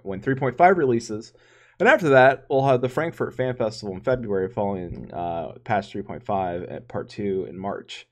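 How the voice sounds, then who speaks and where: A man with a fairly low, slightly mellow voice co-hosts a casual gaming podcast. He speaks in stop-start bursts, often restarting sentences and laughing.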